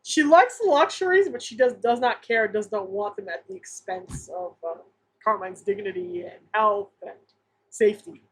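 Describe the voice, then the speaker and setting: A woman's voice: mid-range voice, moderate pace, slightly rough. A woman co-hosting a podcast in casual, enthusiastic chat, laughing often. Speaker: podcast co-host.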